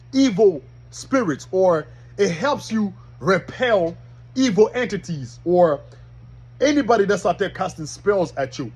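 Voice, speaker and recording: Guy with a raspy kinda high voice preaching, keeps asking if y'all with him. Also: a little mellow, poor audio. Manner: folksy, repeatedly checks in with listeners. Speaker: online preacher. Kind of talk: informal preaching to camera.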